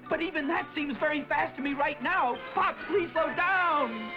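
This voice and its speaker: A man's voice: extremely high pitch, moderate pace. An actor voicing a frightened young male racing driver in a dubbed cartoon, pleading and shaky. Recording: dull old cartoon dub audio with music.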